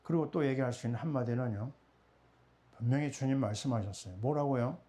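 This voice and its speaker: Middle-aged man preaching a mellow sermon. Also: medium pitch, fairly quick. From Korea. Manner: rhetorical questions answered himself. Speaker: pastor.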